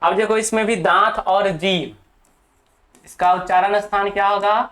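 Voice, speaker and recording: With a mid-range, steady and fairly bright voice, a teacher dictates a grammar lesson to exam students so they can take notes. The pace is slow and deliberate, key terms come up again and again, and the teacher keeps checking on the class.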